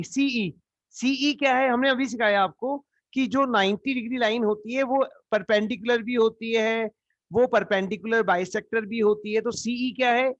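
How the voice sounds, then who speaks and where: A man's voice: high voice, a bit bright, no room sound. A man teaching a live geometry class, coaxing students with repeated questions. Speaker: math teacher. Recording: dull lo-fi online class audio.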